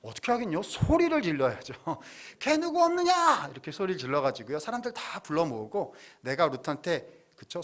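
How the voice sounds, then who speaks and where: A male pastor preaching a sermon in a church, retelling a story with lively asides and frequent questions to the congregation. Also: a little high. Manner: animated storytelling, asks congregation along.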